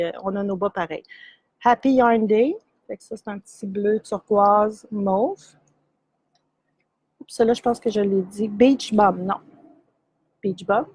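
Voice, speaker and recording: A middle-aged woman with a warm Québécois French accent talks through her yarn in a relaxed, rambling way, dotted with fillers and small laughs. Her voice sits a bit high, and the sound is close and dry with no room echo. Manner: chatty, many fillers, laughs easily. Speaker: yarn shop host. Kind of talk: casual live product demo.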